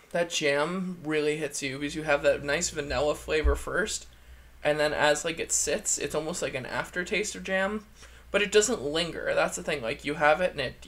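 A campy drag queen, a man with a fairly high voice full of vocal fry. He chats casually through a product review and gushes as he goes. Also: a bit bright. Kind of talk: casual chatty video review. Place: indoor room, seated at a desk.

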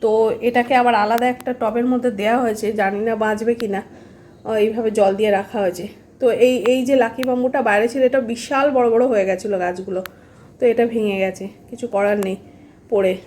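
Woman, chatty home pet vlogger, slightly high voice, keeps asking the viewer if they follow. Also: fairly even intonation, fast talker, a little hiss or hum. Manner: coos softly to the pets. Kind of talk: casual home vlog chat. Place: home indoors.

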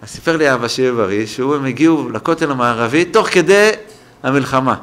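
Older rabbi telling a story in a synagogue. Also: male voice, medium pitch. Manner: animated storytelling, acting out quoted voices. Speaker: rabbi giving a synagogue lesson. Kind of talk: storytelling sermon. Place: synagogue hall.

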